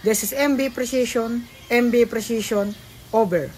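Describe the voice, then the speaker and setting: A woman's voice: a little high, fairly even intonation, moderate pace, darkish tone, slight background noise, natural voice. A woman playing a ship's radio officer, making formal, procedural marine radio calls to port control in a school exercise. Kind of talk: scripted marine radio exchange.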